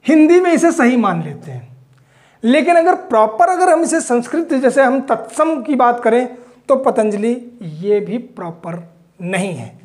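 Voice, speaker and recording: His voice is very high and very animated, darkish in tone and measured in pace, as this teacher walks his class through Hindi spelling. He writes the words out, explains patiently, slips in English phrases, and keeps checking "theek" with the students.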